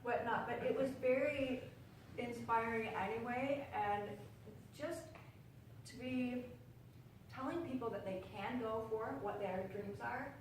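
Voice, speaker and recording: A woman's voice: a little high, unhurried. Rambling woman host, very echoey studio. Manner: warm, rambling, many fillers. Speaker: show host. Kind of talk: interview questions. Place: studio with audience. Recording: very echoey, distant mic, noisy.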